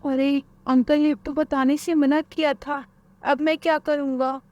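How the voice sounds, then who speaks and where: A woman's voice: high voice, flat delivery, a little slow, a little mellow, no echo, dull audio, voice pushed up. A woman voicing a playful young boy bird in a cartoon who talks in a fidgety, fibbing way. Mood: nervous.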